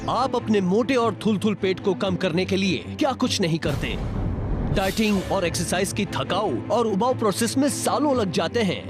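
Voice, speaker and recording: High-pitched male infomercial announcer. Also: expressive, normal speed. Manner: emphatic sales pitch. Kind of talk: scripted infomercial sales narration. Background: background music.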